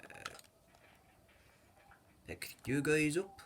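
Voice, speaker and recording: A man's voice: on the high side, sing-song, very slow, a bit bright. A man giving casual, rambling commentary over his own gameplay, joking and correcting himself as he goes. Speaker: gaming video creator. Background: keyboard and mouse clicks.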